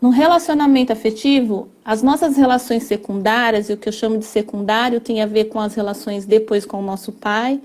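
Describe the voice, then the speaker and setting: A woman's voice: fairly high pitch, steady tone, fairly quick, few pauses, a little mellow. A woman, a family constellation therapist, explaining earnestly with frequent hesitations and tag questions. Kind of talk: explanatory conversation.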